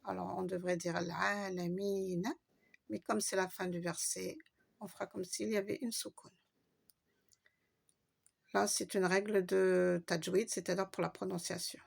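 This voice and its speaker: A woman's voice: on the low side, little pitch movement, measured pace, vocal fry, pauses often, husky. A woman giving a patient, step-by-step Arabic reading lesson, spelling out letters and stretching long vowels. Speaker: Arabic teacher.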